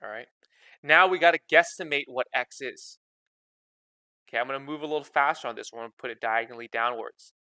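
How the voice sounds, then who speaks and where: A man's voice: mid-range voice, fairly quick, pushed and bright. A man teaching a math lesson in a casual, chatty way, checking in with "okay?" after nearly every step. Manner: repeats "okay?" constantly, chatty and informal.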